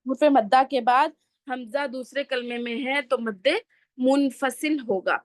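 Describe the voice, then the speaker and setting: A woman with a Pakistani Urdu accent teaching Quran recitation rules, methodically naming each letter and vowel mark in turn before reciting slowly. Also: high voice, no room sound, clean studio sound. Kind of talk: tajweed lesson, spelling out rules then slow recitation.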